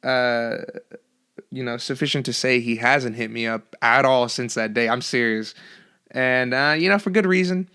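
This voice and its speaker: A man's voice: medium pitch, normal speed, bright, forceful tone, clean tone. Young man, podcast host, casual solo rant, swearing, rambling, restarts.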